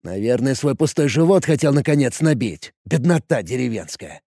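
A man's voice: mid-range voice, expressive, moderate pace, creaky, warm tone, dry recording, studio quality. A man voicing a cocky male goblin soldier who talks in a sneering, jeering way. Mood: mocking.

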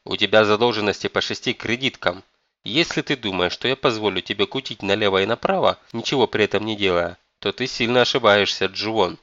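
A man's voice: lowish voice, fairly quick, pushed and bright, dry recording, lo-fi sound. A man voicing a stern, domineering elderly grandmother who scolds and commands. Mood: scolding.

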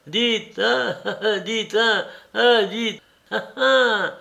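A man's voice: high-pitched, very slow, gravelly, pushed and bright, pitched above the performer's own voice, full character voice. A man voicing a fussy old male office clerk who nags and repeats himself. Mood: nagging. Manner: nagging, repeating himself in a litany.

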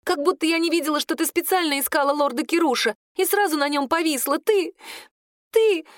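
A woman's voice: normal speed, no room sound, studio quality, close to an everyday voice. A woman reading an audiobook, voicing a jealous, accusing young serving girl. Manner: accusing, shrill and tearful. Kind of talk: audiobook character voice.

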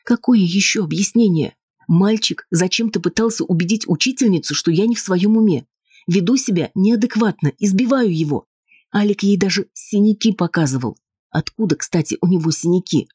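A man's voice: high voice, moderate pace, husky, dry recording, clean studio sound, voice pushed up. A man voicing an anxious, indignant wife. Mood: agitated. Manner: pleading, sharp and defensive. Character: anxious, insistent wife, adult woman.

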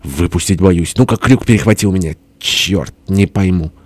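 Man doing a hoarse bossy old father-in-law. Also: sits low, animated, normal speed, a little hiss or hum. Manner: barking, bossy and impatient. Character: gruff hoarse older male father-in-law. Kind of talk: audiobook character voice.

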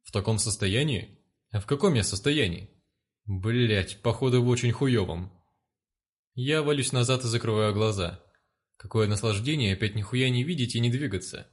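A man narrating a story in the first person, in a crude, profane and sardonic way. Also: medium pitch.

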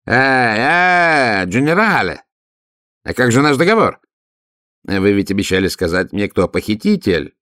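A man voicing a scheming, excitable Italian police chief, a count who wheedles and then bursts into loud shouting. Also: medium pitch, fairly quick, no room sound, studio quality. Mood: alarmed. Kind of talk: audiobook character voice.

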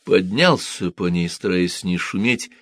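A man narrating a storybook in a steady audiobook reading. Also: deep voice, a little slow, no echo.

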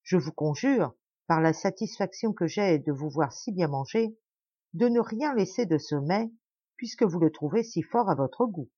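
A woman's voice: lowish voice, animated, normal speed, warm tone, husky, dry recording, dull audio. A woman voicing a pompous, lavish male lord who grandly and insistently presses food on his guest, in an audiobook tale. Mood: grand, coaxing.

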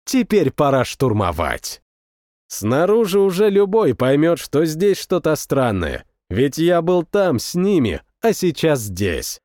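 A man narrating a first-person war story as an audiobook, reading with expressive, dramatic delivery. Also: a little high, takes it slowly, no room sound, clean studio sound.

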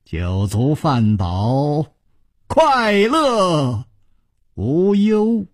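A carefree young rogue hero with a high, bright, laughing voice, as a male storyteller puts him on. He swings his pitch up and down in a playful, sing-song way, stretching out his words with easy charm. The voice has a slight husky grain. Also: huge pitch swings, drawn-out words, dry recording, studio quality, heavily acted. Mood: merry.

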